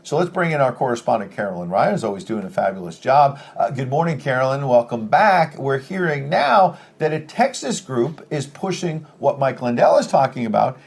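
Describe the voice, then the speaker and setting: A man hosting a morning news show, trading animated, sarcastic banter with his correspondent. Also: medium pitch, moderate pace, gravelly, hardly any pauses, slightly rough. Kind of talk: studio news chat.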